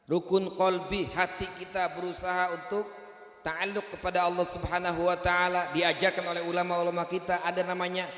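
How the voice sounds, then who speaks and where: A man preaching a sermon, telling stories in a lively, joking way. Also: sits high, brisk. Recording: echoey hall, long reverb.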